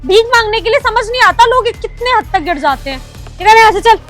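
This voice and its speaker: A rude, contemptuous young woman, as a woman plays her in a very high, piercing voice. She sneers and insults with open scorn. Faint music sits under her lines. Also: animated, brisk, a bit bright.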